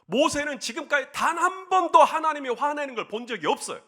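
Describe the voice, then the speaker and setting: A male pastor preaches and retells a story with lively, expressive delivery. His voice sits high and swings widely. The tone is bright and forceful. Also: a little fast. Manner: animated, expressive storytelling to the congregation. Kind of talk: sermon.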